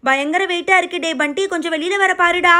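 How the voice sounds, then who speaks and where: Woman doing frazzled mom, high bright voice, rattles along fast. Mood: flustered. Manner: fretful, exclaiming. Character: flustered mother of young boys. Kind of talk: doll-video voice acting.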